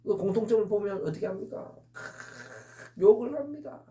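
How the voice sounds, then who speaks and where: A man's voice: sits high, lively intonation, normal speed, dark tone, recorded from a distance, highs cut off, slight background noise. A man preaching an Easter sermon as pastor, earnest and full of rhetorical questions.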